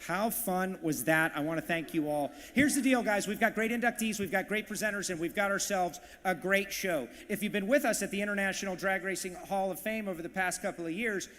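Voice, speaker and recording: A man working as auctioneer and emcee at a live charity event, calling bids in a rapid, punchy, hyped way. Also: high voice, fairly bright tone, big-room sound. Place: large banquet hall, live audience.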